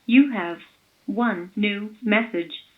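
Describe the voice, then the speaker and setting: A woman's recorded voicemail prompts, heard through a landline phone speaker and read out in an even, measured way. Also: mid-range voice. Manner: even, measured menu announcements. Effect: heard over a landline phone speaker. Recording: muffled lo-fi phone audio.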